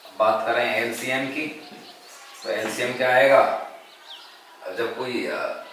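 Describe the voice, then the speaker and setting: A man's voice: medium pitch, steady tone, takes it slowly, a bit bright. A male math teacher, working through sums on the board and reciting times tables aloud as he asks his class questions and answers them himself. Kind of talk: board lesson. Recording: echoey room, mic far off, noisy.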